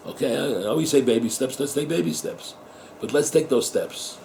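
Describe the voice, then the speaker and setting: Rabbi in middle age, relaxed warm tone, chatty talk to students with Hebrew terms mixed in. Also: male voice, medium pitch, a little fast, gravelly, slight background noise, low-quality recording. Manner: conversational, repeats words, asks the listeners rhetorical questions; mixes Hebrew and Yiddish terms into English. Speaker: rabbi teaching at a yeshiva. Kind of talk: informal Torah talk to students.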